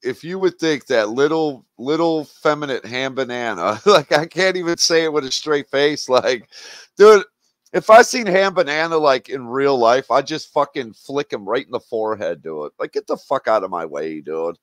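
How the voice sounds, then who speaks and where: A man hosts a casual livestream, talking bluntly and mockingly with plenty of swearing. His voice sits at an ordinary mid pitch and is recorded close and dry, with no room sound around it. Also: animated, moderate pace, no room sound. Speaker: livestream host.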